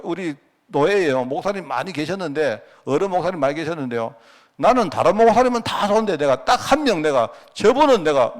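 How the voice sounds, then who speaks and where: A middle-aged pastor with a Gyeongsang accent, telling personal stories in a sermon, with a folksy manner and chuckling asides. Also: male voice, fairly high pitch. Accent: Gyeongsang Korean. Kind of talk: storytelling sermon. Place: church sanctuary.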